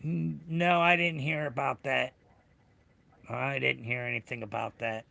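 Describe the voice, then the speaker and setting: A middle-aged American man with a raspy, gravelly whiskey voice, chatting casually and bluntly with livestream viewers in a rambling way. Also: medium pitch, little pitch movement, unhurried, pushed and bright. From United States. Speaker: livestream host.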